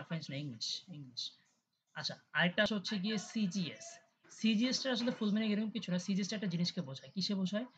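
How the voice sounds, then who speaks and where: Tutor, online class lecture, conversational, checks in with students, dull lo-fi audio, faint hiss. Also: mid-range voice. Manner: mixes English terms into explanations. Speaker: chemistry tutor.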